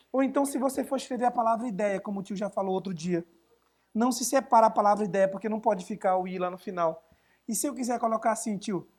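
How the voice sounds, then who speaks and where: A man's voice: sits high, a little mellow. A man teaching an essay-writing class live online, chatting casually and answering viewers' questions as he goes.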